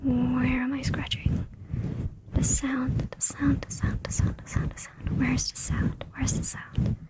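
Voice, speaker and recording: A woman whispering ASMR instructions in a breathy, mostly unvoiced voice, repeating short phrases and words over and over. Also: high voice, monotone, unhurried, poor audio. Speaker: ASMR creator. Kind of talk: ASMR, whispered instructions in a playful focus test.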